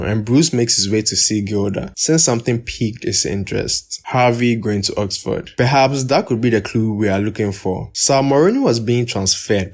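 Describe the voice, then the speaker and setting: A man narrating a film recap in a steady, measured way, with personal asides and speculation. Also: lowish voice. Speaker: film reviewer. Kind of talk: movie recap and commentary voice-over.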